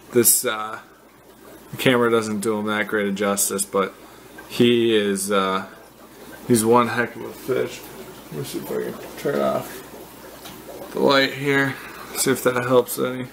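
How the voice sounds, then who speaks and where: A man from the American Midwest giving a casual, halting walkthrough of his basement fish tanks, full of fillers and restarts, recorded on a handheld camera. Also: medium pitch, a bit bright, slight background noise. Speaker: fish breeder vlogger. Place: basement fish room, indoors.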